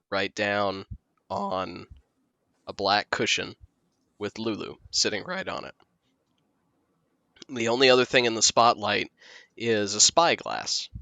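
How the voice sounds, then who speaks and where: Slow, lively game master man. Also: on the low side, gravelly, no echo. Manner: unhurried, descriptive, laughs easily. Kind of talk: narrating a tabletop game.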